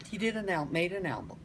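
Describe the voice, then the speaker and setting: An elderly woman, a grandmother, casually telling family stories in a halting, rambling way and repeating phrases for emphasis. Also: fairly low pitch, very animated, a little hiss or hum. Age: older, grandmother.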